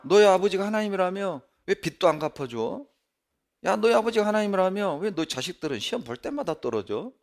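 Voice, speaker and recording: A jeering man who mocks and needles, his voice pushed up higher and louder than normal speech, as a preacher puts him on. His taunts swing widely in pitch. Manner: taunting, mocking. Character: sneering adult male scoffer, taunting believers.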